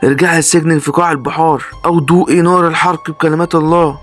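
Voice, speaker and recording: A majestic female jinn queen , voiced by a male narrator, passes stern judgment in a horror story. Her Egyptian Arabic lines come fast and slightly high. Faint music sits behind the voice. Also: little pitch movement, close to an everyday voice. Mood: commanding. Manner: solemn, commanding.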